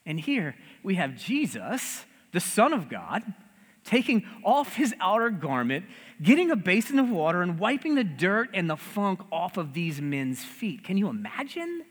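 A male pastor giving a sermon, conversational and humorous, telling the story with animated, lively delivery. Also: high voice, a little slow, breathy edge, big-room sound.

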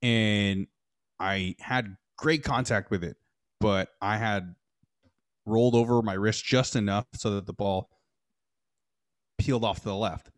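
A young man telling golf stories in casual chat, animated, acting out the people he quotes, with lots of fillers. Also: fairly low pitch, measured pace, long pauses, no echo, clean studio sound. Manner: animated storyteller, acts out quoted voices, many fillers.

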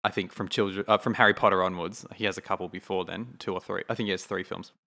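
A man's voice: low voice, steady tone, fast talker, gravelly, pushed and bright. A man co-hosting a film podcast, thinking aloud in a rambling, casual way with many fillers. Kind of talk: casual chat.

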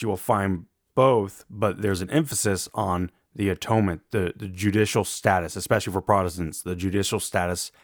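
A man lectures informally in a low, gravelly voice that sounds roughened by allergies. He explains carefully and qualifies his points as he goes. The recording is close and dry. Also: dry recording. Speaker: theology lecturer.

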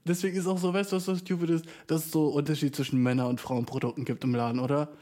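A young man ranting casually and comically, full of slang and swearing, with English words mixed in and big jumps in pitch for emphasis. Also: darkish tone. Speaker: vlogger ranting to camera. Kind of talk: casual comedic rant.

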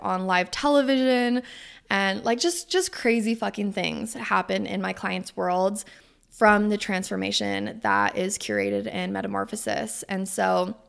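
Young woman, heavy vocal fry, mid-range pitch, enthusiastic podcast host, rambling casual promo talk. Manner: gushing, enthusiastic; rambling, digressive, casual swearing.

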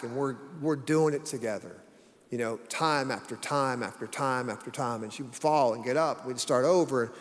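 A middle-aged man preaching a conversational sermon as pastor, telling stories folksily and repeating key phrases for emphasis. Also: mid-range voice. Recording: long reverb of a large hall.

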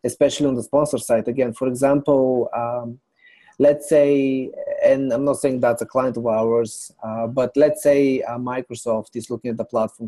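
A middle-aged man from Bulgaria, a company founder explaining his business as a podcast guest in a measured way. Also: medium pitch, dark tone. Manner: measured, explanatory, lists items. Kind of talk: business interview.

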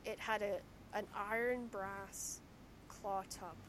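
A woman's voice: mid-range voice, fairly even intonation, takes it slowly, crowd noise. A woman with a Shetland accent talking casually and candidly in a conversational interview, telling anecdotes. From Shetland, Scotland.

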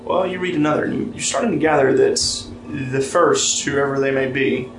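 A man narrating as game master of a tabletop game, relaxed and storytelling, reading lore aloud with fillers. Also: mid-range voice, moderate pace, a little hiss or hum. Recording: roomy sound with music behind.

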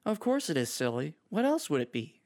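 Guy doing a bubbly young girlfriend, teasing and upbeat, voice pushed up high for her, storybook-podcast style. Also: huge pitch swings, fairly quick, darkish tone, no room sound, clean studio sound. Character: cheerful young woman, playful girlfriend.

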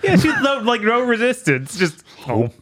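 A man's voice: very high-pitched, wildly swooping pitch, normal speed, a bit bright. A man co-hosting a casual podcast, reacting agreeably and chuckling often. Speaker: podcast co-host. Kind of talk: casual chat.

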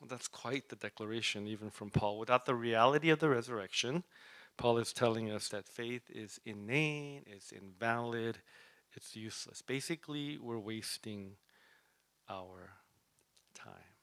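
Speaking at a moderate pace in a medium-pitched, slightly bright voice, this man preaches a Bible lesson as a sermon in a casual, conversational style. He uses fillers and keeps asking "right?", and the recording is dry.

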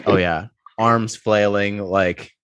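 A man in his late twenties hosting a casual group chat, joking and quick, laughing often. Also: on the low side, fairly even intonation, a bit bright, clear, resonant tone, no echo, lo-fi sound. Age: late 20s. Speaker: podcast host.

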